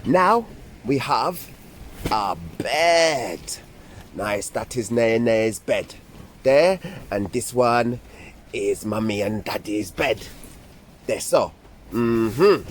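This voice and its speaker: A man acts out a chatty, excitable girl doll giving a playful tour for a kids' video. The delivery is a slow drawl that swoops up and down and lingers over repeated phrases. Clear background noise sits behind the amateur recording. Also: mid-range voice. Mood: leisurely, pleased.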